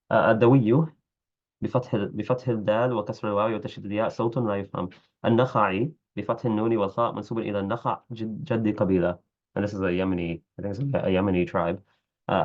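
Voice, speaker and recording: Lowish guy reading through an old text for class, stops to explain stuff in english, fixes his slips, kinda muffled recording. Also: darkish tone. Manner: reads Arabic and comments in English, correcting his own slips.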